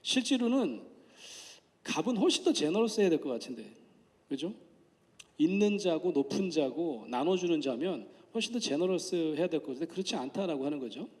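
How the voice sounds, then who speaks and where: A male professor gives a public lecture, chatting with the audience and acting out voices when he tells stories. His voice sits a little high for a man. The sound carries a long hall reverb. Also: darkish tone. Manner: conversational, asks the audience questions; acts out quoted voices in anecdotes.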